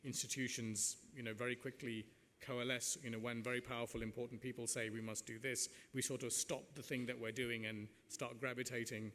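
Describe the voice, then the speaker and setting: A man's voice: mid-range voice, level tone, fairly quick, a bit bright. A man moderating a panel discussion in a conversational, discursive way. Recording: reverberant hall with background noise.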